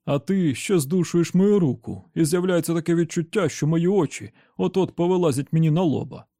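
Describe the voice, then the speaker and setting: A man doing a strained, higher-voiced traitor. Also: a little fast, dark tone, no echo, studio quality, natural voice. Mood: bitter. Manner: whiny then weary and dignified. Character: frightened, bitter middle-aged male traitor.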